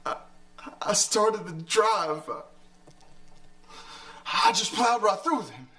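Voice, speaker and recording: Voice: medium pitch, animated, slow pace, pushed and bright. A stammering, shaken survivor. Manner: hesitant, stammering. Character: shaken survivor recounting driving through the dead.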